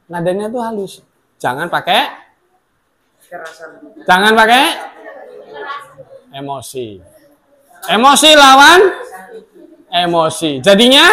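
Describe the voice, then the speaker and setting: A middle-aged male teacher giving a classroom lecture. He swings between loud outbursts and soft asides and acts out quoted remarks in sharp voices. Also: high-pitched.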